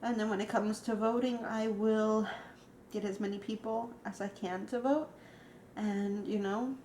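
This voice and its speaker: A woman's voice: medium pitch, a little mellow, a little hiss or hum. Rambling emotional woman vlogging. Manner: rambling and emotional, with many fillers. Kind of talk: casual vlog. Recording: echoey room.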